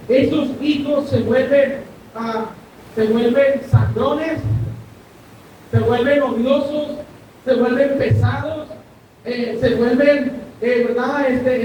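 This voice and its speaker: Pastor preaching, high voice, heard from across a very echoey church, faint rumble. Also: male voice. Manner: preaching, often asking the flock if they follow. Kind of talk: sermon. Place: church hall. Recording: echoey room, distant mic, faint rumble.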